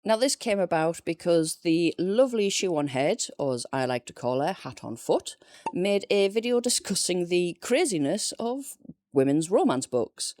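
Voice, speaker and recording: A woman's voice: low-pitched, darkish tone, no echo, clean studio sound. A chatty woman with a Northern English accent, casually reviewing books and joking at her own expense. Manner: chatty and jokey, laughing at herself. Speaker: book reviewer. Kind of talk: casual unscripted video review.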